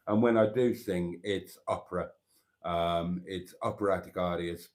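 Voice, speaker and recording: Deep and slightly mellow, this man's voice carries a meandering live stream chat. He's a native Welsh speaker from Wales, and his casual musings are scattered with fillers and restarts.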